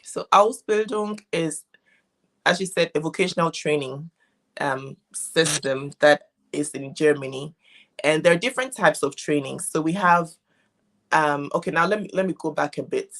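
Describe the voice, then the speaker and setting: A woman's voice: low-pitched, a bit bright. A middle-aged woman from Ghana, a legal interpreter explaining things as a guest on a live video call. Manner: explanatory, unhurried with frequent restarts. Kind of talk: casual interview. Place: home in Germany.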